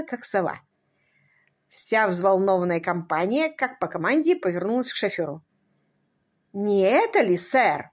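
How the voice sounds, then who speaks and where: A woman narrating a story aloud in an expressive reading style. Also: medium pitch. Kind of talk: audiobook narration.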